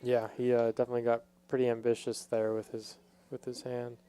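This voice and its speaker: Guy doing laid-back poker commentary, soft mellow tone, clean smooth voice, kinda feels his way through sentences. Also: mid-range voice, monotone, brisk. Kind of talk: casual live poker commentary.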